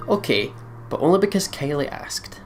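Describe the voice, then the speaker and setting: A man hosts a let's play, reading visual novel text aloud and breaking off into giggly, chatty asides over game background music. His voice is a little high and very animated, at a moderate pace.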